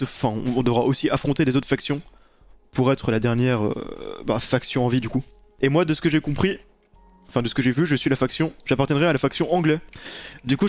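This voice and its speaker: A man's voice: mid-range voice, a little mellow, dry recording. A man streaming a video game, chatting casually and rambling while answering chat questions, close to the mic. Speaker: gaming streamer.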